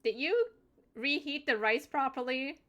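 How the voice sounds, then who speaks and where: A woman's voice: sits high, measured pace, a bit bright, highs cut off. A young adult woman hosting a live stream, chatting casually and teasing, laughing often. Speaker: livestream host.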